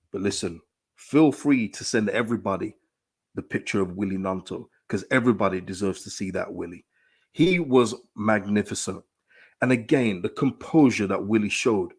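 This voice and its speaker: Fairly low-pitched and hoarse from a dry throat, a man runs a football fan channel and delivers live-stream commentary on his club while reading chat. He's animated and emphatic, restarting often and saying the same phrases over and over.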